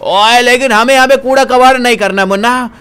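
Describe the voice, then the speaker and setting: A man doing a loud excitable cartoon cat. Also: very high-pitched, fairly quick, clean tone, voice pushed up. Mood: excited.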